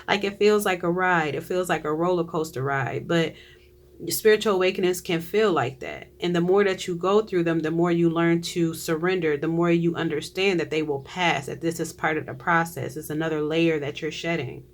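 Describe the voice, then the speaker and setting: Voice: mid-range voice, moderate pace. A tarot reader giving a casual reading to viewers, chatty, often trailing off and restarting, with frequent laughs.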